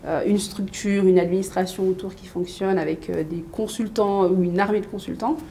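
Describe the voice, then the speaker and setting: Guest, thirties woman from Mali; loose conversational delivery, stops and restarts, warms into storytelling. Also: medium pitch, normal speed, vocal fry, a little hiss or hum. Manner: hesitant, many fillers and restarts, lively storytelling. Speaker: interview guest, business coach. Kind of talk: casual conversational interview.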